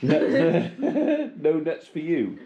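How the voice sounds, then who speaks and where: A man's voice: a little high, sing-song, very slow, muffled recording, crowd noise. A man, a farmer and vlogger, teasing and laughing in casual banter, recorded on a camera mic. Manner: playful, teasing, laughs often. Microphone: camera-mounted mic.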